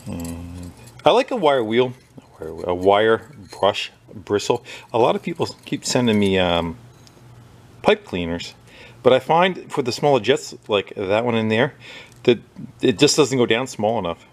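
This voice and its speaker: Speaking at a measured pace in a lowish voice, a man presents a small engine repair video. He's at his workshop bench beside a wire wheel, relaxed and talkative as he works, turning away from the mic at times.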